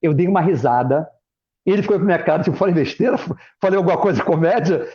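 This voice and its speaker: Speaking fast, this middle-aged Brazilian ex-pastor shares personal anecdotes as a guest in a casual conversation, lively as he mimics his kids and other relatives in quoted lines. He has a high, faintly husky voice, heard through dull, muffled lo-fi live stream audio.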